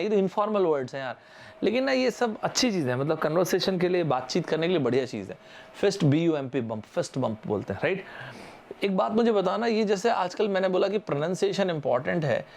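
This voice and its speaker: A man's voice: high voice, gravelly, a little mellow. A young man from India teaching vocabulary in a live online exam-prep lesson, chatty and informal, spelling words out letter by letter and asking viewers to answer in the comments.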